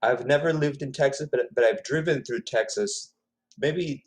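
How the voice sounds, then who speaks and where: As a guest author in an easygoing interview, a Spanish-speaking man from Ecuador talks in a mid-range voice at normal speed. He comes across as reflective, frequently circling back over his words as he gropes for what to say.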